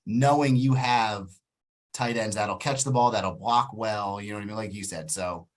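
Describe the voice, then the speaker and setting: A man's voice: fairly low pitch, normal speed. A man co-hosting a fan podcast, chatting about football in a laid-back way, often trailing off at the ends of sentences. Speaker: podcast co-host. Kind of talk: casual sports chat.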